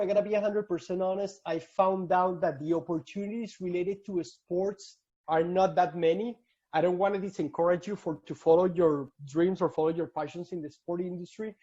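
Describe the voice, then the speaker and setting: A man's voice: high voice, warm tone. A man in his thirties from Venezuela with a Venezuelan Spanish accent, giving an earnest slide talk over a video call with frequent restarts. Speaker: alumni speaker. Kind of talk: casual slide presentation. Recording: dull lo-fi call audio.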